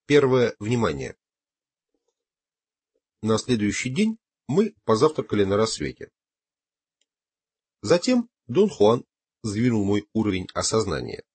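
A man narrating an audiobook in first person with a measured, expressive reading. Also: fairly low pitch, husky.

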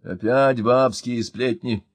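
A man's voice: mid-range voice, lively intonation, normal speed, no room sound, natural voice. A man voicing an irritable, pompous middle-aged town boss in a storybook reading. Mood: irritated. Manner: angry, blustering, bossy. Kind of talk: audiobook reading.

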